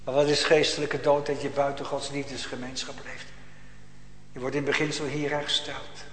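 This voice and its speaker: Man, preacher, sermon, dramatic hushed-to-loud delivery, echoey church hall. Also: medium pitch, little pitch movement, normal speed, slight background noise.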